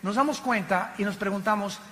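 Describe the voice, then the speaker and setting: A man preaching a passionate sermon from the pulpit, with sudden loud exclamations. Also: high voice, fairly quick. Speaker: pastor. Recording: long hall reverb.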